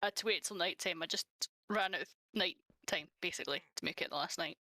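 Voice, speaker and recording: A woman's voice: fairly low pitch, fast talker, pushed and bright, dry recording. A woman chatting playfully with her husband as they play a game together on his stream. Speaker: streamer's wife and co-player. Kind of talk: casual chat while gaming.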